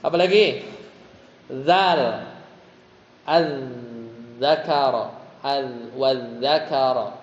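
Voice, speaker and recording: A fairly high-voiced man with an Indonesian accent leads a tajwid lesson, slowly and patiently breaking down each letter rule and chanting verse lines. The sound is dull and roomy, like a lecture hall with a long echo. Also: expressive. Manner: patient, explains each letter and rule step by step, sings verses for the class to repeat. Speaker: Quran recitation teacher.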